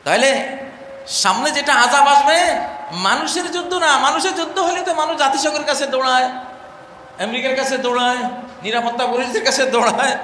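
High-voiced impassioned male preacher. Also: moderate pace, pauses often. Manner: impassioned, swings between loud cries and low murmurs, chants verses. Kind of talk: impassioned sermon. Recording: echoey hall, faint noise.

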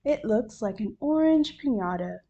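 A bouncy little boy frog from a picture book, eager and loud, as a woman reads him out. His voice jumps high above the reader's own and is sung out brightly. The recording sounds a bit dull and lo-fi. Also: animated, moderate pace. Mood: excited. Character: excitable young boy frog.

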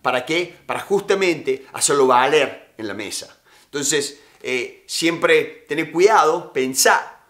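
A man's voice: fairly high pitch, expressive, takes it slowly, fairly bright tone. A man teaching negotiation tactics in casual, emphatic talk, often repeating his key phrases. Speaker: negotiation instructor.

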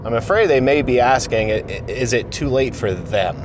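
A man's voice: mid-range voice, expressive, moderate pace. A man in his late thirties, an apprentice aircraft mechanic, talking casually and encouragingly to camera in his car. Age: 30s. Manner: plain-spoken, encouraging, direct. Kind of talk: casual commute vlog. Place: inside a car. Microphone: camera mounted on the dashboard. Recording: car recording with clear road noise. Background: car and road noise.

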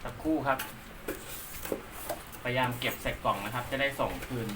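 Working hands-on, this man talks through the equipment he's assembling in a relaxed, courteous, meandering way, partly to himself. He's a radio technician presenting his work for sale. His voice is mid-range at an ordinary pace, with a noisy background.

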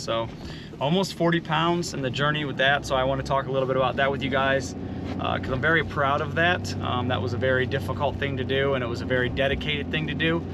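A man giving a casual vlog update, rambling with many ums and uhs, recorded outdoors and then in his truck. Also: mid-range voice. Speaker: vlogger. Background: outdoor noise, rain.

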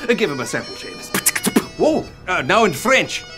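A man's voice: high voice, very animated, normal speed, over music. A man doing a boastful Scottish rapper puppet. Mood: goofy. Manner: goofy, bouncy, exaggerated. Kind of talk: kids' puppet comedy skit.

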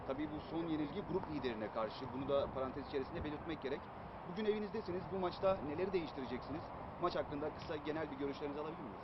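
A male sports reporter with a slightly high voice asks interview questions very quickly. He is outdoors, with loud urban noise around him. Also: animated, lo-fi sound. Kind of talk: pre-match interview questions.

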